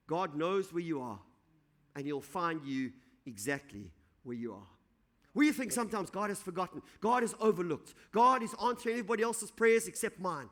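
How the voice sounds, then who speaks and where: In a church, a male pastor with a fairly high, fairly bright voice preaches an evening sermon. He reads scripture aloud, then explains it in a conversational, encouraging manner.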